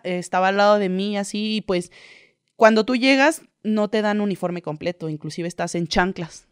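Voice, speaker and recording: A woman's voice: medium pitch, smooth, no echo, studio quality. A young woman with a Mexican accent, a guest telling her own story in a casual, chatty way, full of slang and filler tags. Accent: Mexican Spanish.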